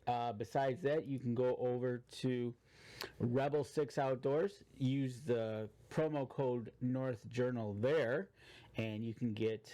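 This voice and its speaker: A man with a medium-pitched, dark voice co-hosts a casual live podcast from a cabin. He chats in an easygoing way and plugs sponsor codes.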